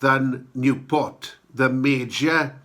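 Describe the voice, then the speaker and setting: A Welsh-accented man hosting a podcast, giving an opinionated, halting political monologue with emphatic points. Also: medium pitch, fairly even intonation, fairly bright tone. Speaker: podcast host.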